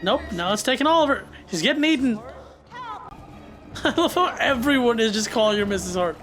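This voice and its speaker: A man's voice: very high-pitched, lively intonation, a bit bright, soft background music. Chatty young man reacting to a show. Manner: talks back to the screen, quick asides and laughs. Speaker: reaction video host. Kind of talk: casual reaction commentary.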